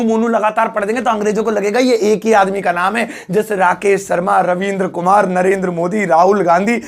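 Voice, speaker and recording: In an online spoken-English lesson, a man with an Indian accent teaches in a chatty, joking way. His voice is high and gravelly, and he explains slowly, using fillers.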